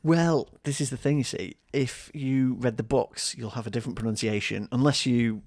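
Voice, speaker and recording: A man's voice: mid-range voice, moderate pace, a little mellow, no echo, clean studio sound. A man co-hosting a board game podcast, rambling in casual chat with wry jokes and frequent laughs. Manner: chatty, rambling, laughs often, wry joking. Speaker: podcast co-host.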